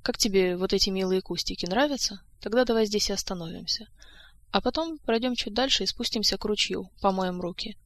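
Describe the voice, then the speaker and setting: A woman's voice: mid-range voice, brisk, fairly bright tone, dry recording, lightly acted. A woman reading a guarded young court lady. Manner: confiding, cautionary. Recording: dry close-mic studio sound.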